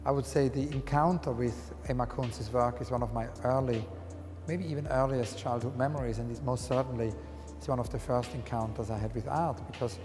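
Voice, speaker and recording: A man from Switzerland speaking earnestly in a documentary interview, often pausing and restarting to find his words. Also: medium pitch, steady tone. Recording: long hall reverb, faint music.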